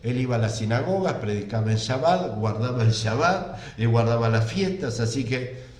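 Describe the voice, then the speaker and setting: A man's voice: medium pitch, lively intonation, moderate pace, a little mellow, reverberant. A man with an Argentine accent preaching a sermon, reading scripture aloud and repeating key phrases for emphasis. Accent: Argentine Spanish.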